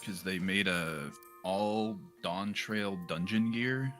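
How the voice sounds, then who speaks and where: A man's voice: deep voice, slow, a bit bright, faint music behind. A man chatting casually during a game, with wry, playful asides. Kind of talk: casual gaming chat.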